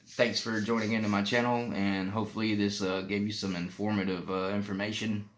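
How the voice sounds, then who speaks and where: Low-voiced man talking through a swollen mouth. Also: fairly bright tone. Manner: plain-spoken, informal, loosely rambling. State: talking with a painfully swollen mouth from an abscessed tooth. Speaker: vlogger sharing personal experience. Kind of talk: casual explanatory vlog talk.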